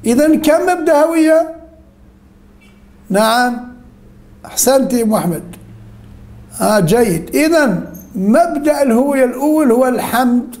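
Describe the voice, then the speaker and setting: A male teacher with a very high, slightly mellow voice and lively intonation fires questions at his class. After praising or correcting the answers, he slowly walks back through the key points.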